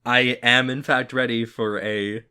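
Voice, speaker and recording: A man co-hosting a casual history podcast, excitable and jokey, with quick asides. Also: mid-range voice, smooth. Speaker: podcast co-host.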